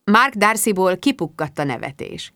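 A woman narrating a first-person audiobook in an expressive, wry storytelling manner. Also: mid-range voice, dry recording, studio quality.

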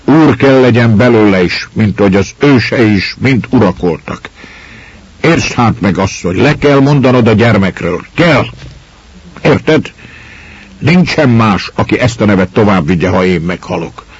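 A stern old landowner, gruff and used to being obeyed, as a male reader puts him on. He pushes out commands in a raised, hoarse-edged voice. The audio is a little muffled. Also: lowish voice, animated, no echo, voice pushed up. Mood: pleading, stern. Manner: commanding, shouting orders.

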